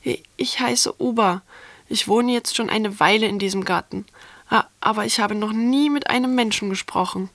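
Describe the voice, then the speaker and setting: A woman voicing a shy, gentle, lonely male garden monster in a storybook reading, speaking softly and kindly with a slight tremble. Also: fairly high pitch, normal speed, no room sound. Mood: timid. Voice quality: soft, trembling voice. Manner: kind and comforting.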